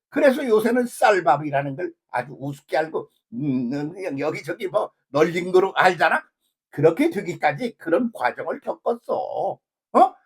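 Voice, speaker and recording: A man's voice: high-pitched, slightly rough. An older man preaching a folksy, rambling sermon as a pastor, full of rhetorical asides. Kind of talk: conversational sermon.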